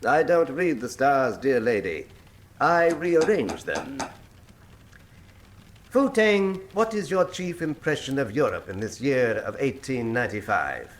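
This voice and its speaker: An actor playing a suave, pompous criminal professor in a radio drama, speaking in eloquent, deliberate, menacing monologue. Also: male voice, mid-range voice, animated, a little hiss or hum, natural voice. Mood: grandly lecturing. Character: suave, grandiose male criminal mastermind professor, coolly menacing.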